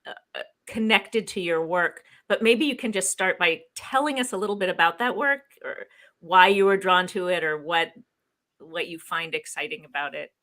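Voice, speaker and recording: A woman's voice: on the low side, normal speed, pushed and bright. A woman co-hosting a podcast who reads a guest introduction and then chats in an upbeat, conversational way. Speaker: podcast co-host. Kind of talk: formal guest introduction and casual chat.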